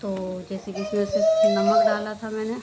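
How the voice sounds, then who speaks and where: A daily vlogger narrates her home vlog from her family home in a homely, talkative, rambling way. Her medium-pitched voice swings hugely in pitch at a moderate pace, and the recording is very noisy.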